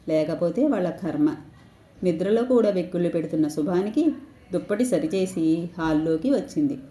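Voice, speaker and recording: A woman storyteller reading an audio story aloud in a calm, even narration. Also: lowish voice. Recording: echoey room.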